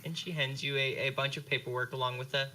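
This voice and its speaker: A game master narrating a tabletop role-playing scene in slow, descriptive sentences with fillers. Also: mid-range voice, steady tone, pushed and bright, slight background noise.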